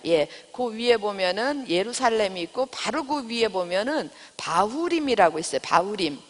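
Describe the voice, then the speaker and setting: A woman leading a church Bible lesson, checking in with her class and turning old scripture into everyday talk. Her voice sits at a middle pitch for a woman. A long reverb trails after her words, as in a church hall. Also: expressive, moderate pace. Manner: asks the class questions and paraphrases scripture in everyday speech. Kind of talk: Bible study lecture.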